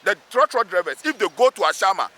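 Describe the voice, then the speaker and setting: Beside a road underpass outdoors, a Ghanaian-accented man interviewed as a local assemblyman argues his plea emphatically, leaning on repeated phrases. His voice is high, pushed, and bright, with big pitch swings and a quick pace.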